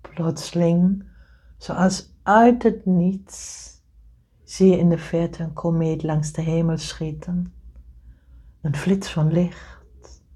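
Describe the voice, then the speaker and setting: A woman leads a guided meditation in a low, mellow, breathy voice. She speaks very slowly and gently, often sinking into a soft whisper. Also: fairly even intonation. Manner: slow soothing delivery, often whispered.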